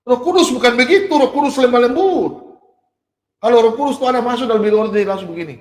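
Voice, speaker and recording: A middle-aged man from Sulawesi preaching a sermon, animated, switching between loud emphatic points and soft asides. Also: extremely high pitch, quick pace. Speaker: pastor. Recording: echoey hall with long reverb.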